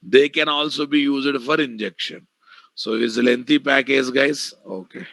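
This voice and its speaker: A man's voice: medium pitch, moderate pace, vocal fry, fairly bright tone, dry recording. A man with an Indian Telugu accent teaching a live online programming class, bluntly addressing students and repeating key phrases. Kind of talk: live online technical lecture.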